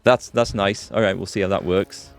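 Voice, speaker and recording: This male streamer has a low, creaky voice with fairly even intonation and a normal speed, and soft music plays behind him. He's doing live let's play commentary on a strategy game, musing aloud and calling out viewers by name in a relaxed way.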